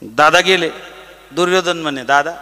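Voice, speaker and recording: A man preaching a devotional kirtan sermon, telling the story with lively acted voices and breaking into chanted verses. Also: a little high, normal speed. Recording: reverberant hall.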